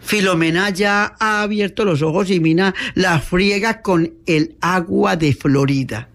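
A man with a high voice reads a classic novel aloud. He is lively and expressive and stops often for chatty asides to his listeners. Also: unhurried.

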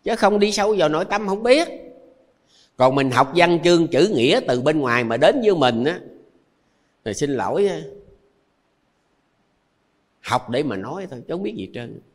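A man's voice: on the high side, expressive, moderate pace, long pauses. A man in his eighties with a Southern Vietnamese accent, a Buddhist monk giving a folksy, repetitive dharma talk full of everyday examples. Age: 80s. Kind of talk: dharma talk to lay followers.

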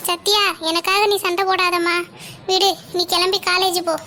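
A woman voicing a meek, tearful middle-aged aunt in a cartoon, speaking softly and submissively. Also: extremely high pitch, flat delivery, a little hiss or hum. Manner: soft, slow, submissive.

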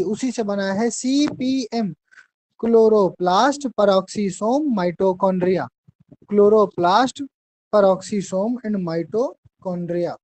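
Slow-dictating teacher, man. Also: very high voice, a little mellow, dry recording, low-quality recording. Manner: slow dictation, repeats phrases, addresses students as bhaiya. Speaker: biology teacher. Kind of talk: dictating class notes.

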